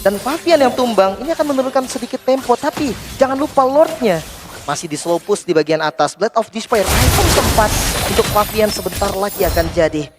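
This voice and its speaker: A man co-commentates an esports match with a fighting game announcer's delivery. His voice is strikingly high, and music runs behind it. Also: expressive, brisk.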